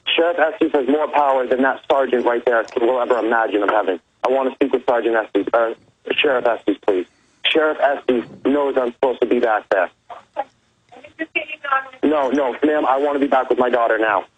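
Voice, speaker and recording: A man's voice: mid-range voice, normal speed, breathy edge. A man calling in to a live radio show, agitated and insistent as he demands to be let through. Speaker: caller. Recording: dull phone line.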